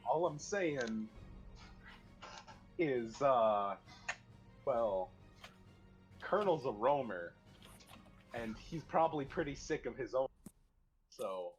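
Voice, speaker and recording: A man's voice: medium pitch, expressive, slow pace, long pauses, muffled recording, faint music behind. A man talking as a player in a tabletop role-playing game, joking and playful.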